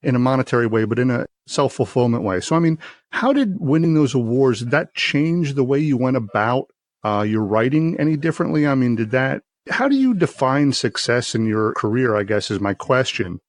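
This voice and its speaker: A man co-hosting a podcast asks long, earnest questions and restarts phrases as he goes. His voice is mid-pitched and even. The sound is dry and close. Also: fairly quick, no room sound. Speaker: podcast co-host. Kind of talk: casual interview.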